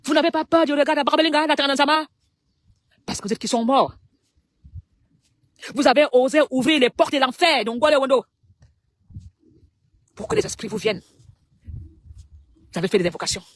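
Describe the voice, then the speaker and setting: Her voice high-pitched and the recording free of room sound, a Cameroonian French-accented woman delivers a passionate public plea. She stresses short, forceful phrases separated by dramatic pauses.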